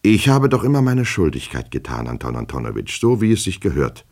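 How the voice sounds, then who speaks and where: A man's voice: sits low, very animated, brisk, a little mellow, pitched above the performer's own voice, full character voice. A man voicing a nervous, fawning official who stammers and pleads, in an audiobook reading. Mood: pleading. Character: nervous, fawning male official, anxious and flustered.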